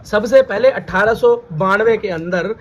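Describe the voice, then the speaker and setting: A man's voice: high-pitched, a little slow, a little hiss or hum. A man teaching biology in Hindi, who quizzes students by repeating key terms as questions and calls them "beta". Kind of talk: classroom lecture.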